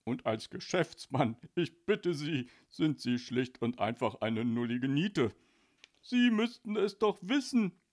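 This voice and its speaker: A man voicing a snooty, mocking fashion boss in a children's audiobook, sneering loudly and haughtily. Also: fairly high pitch, sing-song, takes it slowly, exaggerated voice.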